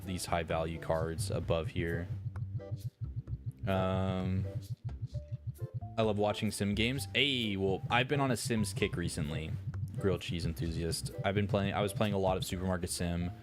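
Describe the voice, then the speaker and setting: A man streaming live, chatting casually in a rambling, relaxed way and answering his chat. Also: sits low. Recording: music playing behind.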